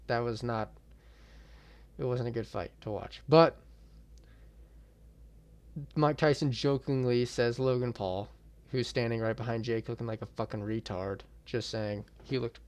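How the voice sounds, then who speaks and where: A young man hosting his own MMA channel, ranting in a heated, profane and blunt way about a boxing match. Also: mid-range voice. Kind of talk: ranting reaction vlog.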